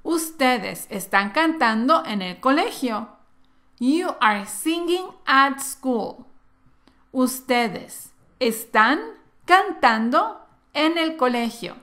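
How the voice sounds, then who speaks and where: Slow, high-voiced woman teaching English. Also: sharp tone. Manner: drills words slowly and repeats each phrase twice. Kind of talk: slow, clear bilingual English lesson.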